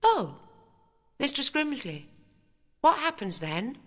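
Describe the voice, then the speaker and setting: A tiny mushroom schoolgirl, eager and breathless, full of wonder, as a woman reader puts her on. The voice jumps far above the reader's own and swings wildly in pitch. A long reverb hangs in the room behind her. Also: big pitch swings, slow, exaggerated voice. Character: eager little girl mushroom.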